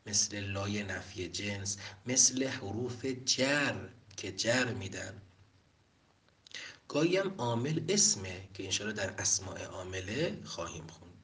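Lecturing man, distant low voice. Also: a bit bright. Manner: explains step by step, reading Arabic lines then glossing them. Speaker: Arabic grammar teacher. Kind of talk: classroom lecture.

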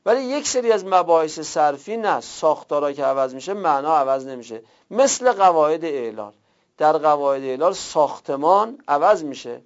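In a classroom lecture, a man with a slightly high, animated voice explains step by step, using worked examples and rhetorical questions. The recording sounds dull and lo-fi.

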